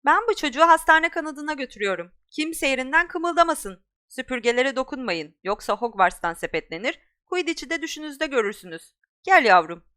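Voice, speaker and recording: A woman's voice: high voice, sing-song, brisk, hardly any pauses, no echo, clean studio sound, pitched above the performer's own voice, exaggerated voice. A woman voicing a strict female flying teacher who barks clipped commands at her pupils. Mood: commanding. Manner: barking commands, loud and clipped.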